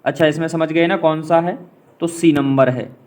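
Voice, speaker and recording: Hindi teacher who quizzes himself aloud. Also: male voice, a little high, steady tone, a little mellow. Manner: repeats key points as quick questions and answers to himself. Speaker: exam-prep Hindi teacher. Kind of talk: classroom-style explanation of quiz answers.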